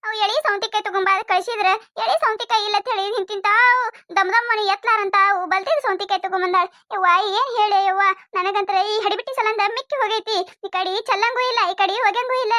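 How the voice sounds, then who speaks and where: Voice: fairly even intonation, quick pace, sharp tone, no echo, clean studio sound. A voice actor playing a scolding older village mother-in-law with a North Karnataka accent in a cartoon comedy. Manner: scolding, nagging, shrill.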